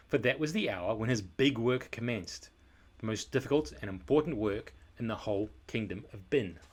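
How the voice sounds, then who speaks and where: A male storyteller reads a children's book aloud in a medium-pitched, slightly rough voice. His scripted narration is expressive, hitting key words with deliberate, dramatic emphasis.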